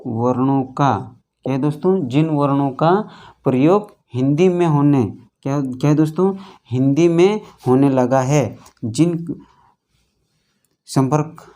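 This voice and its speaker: A man's voice: on the high side, mellow. A man teaching a Hindi grammar lesson for exam preparation, repeating phrases and asking and answering his own questions as he writes. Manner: repetitive, asks and answers own questions, addresses "friends"; halting, restarts phrases while writing.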